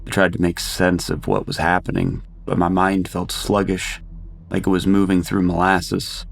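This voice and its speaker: A man narrating a first-person horror story in a steady, grim manner. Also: low voice, normal speed, creaky, a little hiss or hum.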